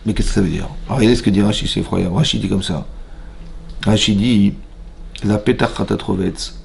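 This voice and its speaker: A man with a French accent leads a Torah class in a synagogue hall, his voice rough with gravel. He tells the story vividly, reads verses aloud, and keeps checking whether the room has followed. A faint hiss sits under the recording. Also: lowish voice, fairly quick. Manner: lively storytelling, reads Hebrew verses then explains them, questions the audience. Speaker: rabbi teaching a Torah class. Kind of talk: animated Torah lesson to a mixed class.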